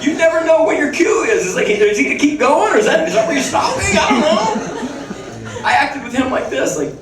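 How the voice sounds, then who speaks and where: A man's voice: very high voice, lively intonation, a little fast, music in the background. A man telling casual anecdotes at a fan Q&A, swearing freely, laughing and restarting his sentences. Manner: profane, laughing, restless storyteller with many restarts. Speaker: guest actor at a fan Q&A. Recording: echoey hall from far off with ambience.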